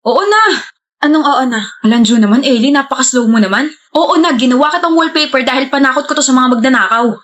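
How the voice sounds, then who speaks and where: High-voiced woman in playful skit banter. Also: fast talker, hardly any pauses, fairly bright tone. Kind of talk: acted comedy skit dialogue.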